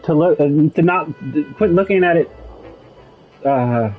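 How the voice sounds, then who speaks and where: Brief: unhurried, digressive male game streamer, faint music behind. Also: on the high side, narrow, tinny audio. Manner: musing, digressive, with frequent restarts. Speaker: gaming streamer. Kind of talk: casual rambling commentary over gameplay.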